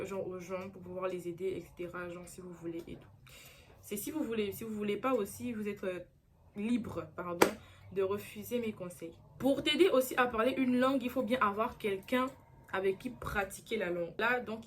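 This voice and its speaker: Young woman, casual vlog chat, earnest, chatty, lots of fillers and repeats, mid-pitched voice. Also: noisy background. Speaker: vlogger.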